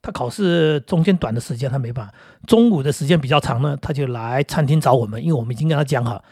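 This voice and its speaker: Husky-voiced middle-aged man telling stories. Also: medium pitch, fast talker, darkish tone, no echo, studio quality. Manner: chatty, with many fillers and asides. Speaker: podcast host and father. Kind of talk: casual storytelling.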